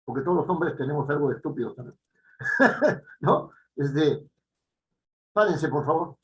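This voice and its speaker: A man giving a classroom lecture, repeating key phrases and checking in with the students with quick tag questions. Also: fairly high pitch, expressive, rough recording. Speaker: teacher.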